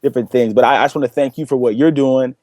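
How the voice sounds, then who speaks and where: A man's voice: mid-range voice, fast talker, dry recording. A young man, a guest in an interview, telling his story earnestly and acting out what people said to him. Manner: earnest, animated storytelling with acted-out quotes. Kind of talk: interview conversation.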